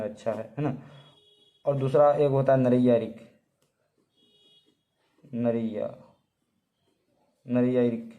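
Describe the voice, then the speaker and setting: Man teaching, slowly repeating words. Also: mid-range voice, mellow, highs cut off. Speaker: language teacher. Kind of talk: casual spoken lesson.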